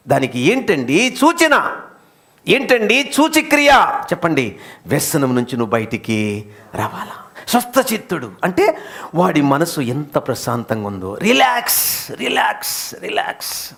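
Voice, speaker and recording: A male pastor with a Telugu accent delivers a sermon in a church. His voice sits high with a gravelly edge, and his pitch leaps around as he shouts questions at the congregation, then drops low and quiet to drive a point home. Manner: swings from loud rhetorical questions to low intense asides. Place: church service.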